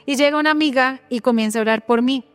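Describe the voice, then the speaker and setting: A woman delivers a sermon in a fairly high voice, sharing her own story with earnest feeling. She turns often to her listeners with direct rhetorical questions. Soft music plays faintly underneath. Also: quick pace, clean tone. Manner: earnest personal testimony with rhetorical questions to the audience. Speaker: preacher.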